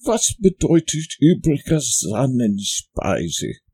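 Storybook teddy bear, male, slow and humble, raised high and lively over a man's husky, gravelly tone. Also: full character voice. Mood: earnest, puzzled. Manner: meek, slow and wistful.

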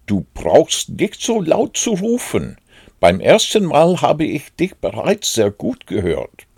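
A man's voice: a little high, wildly swooping pitch, takes it slowly, husky, dry recording, clean studio sound, voice pushed up, heavily acted. A man voicing a fussy, cautious rabbit in a storybook reading, prim and polite.

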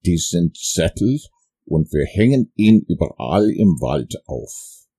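Fussy, lecturing storybook owl, long-winded and pompous, in a man's slow, husky, gravelly voice. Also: low voice, sing-song, dark tone, heavily acted.

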